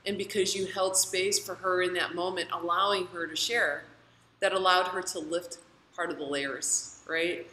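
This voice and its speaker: A woman's voice: on the low side, steady tone, normal speed, pushed and bright, roomy sound, a little hiss or hum, poor audio. A woman interviewing her guests, affirming and reflective, who often checks in with "right?". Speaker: interviewer and sound healer. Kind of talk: conversational interview.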